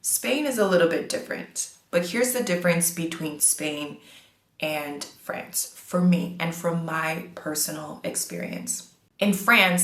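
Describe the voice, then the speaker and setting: A woman's voice: low voice, fairly bright tone, roomy sound. A woman in her thirties talking casually to camera as a vlogger, earnest and encouraging, leaning hard on key words. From United States.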